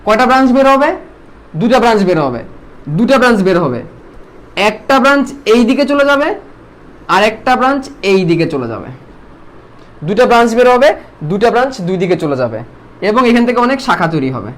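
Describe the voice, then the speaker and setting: High, fast-talking male biology teacher. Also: very animated, a bit bright. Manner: quizzes students with repeated questions, then answers himself. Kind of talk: online class lecture.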